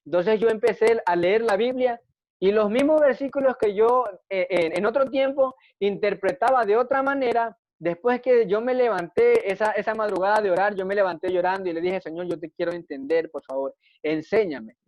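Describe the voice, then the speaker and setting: A man's voice: high-pitched, moderate pace, dry recording. A man preaching and giving a personal testimony in an earnest, repetitive way, often asking rhetorical questions. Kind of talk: testimony sermon. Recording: dull dry lo-fi recording.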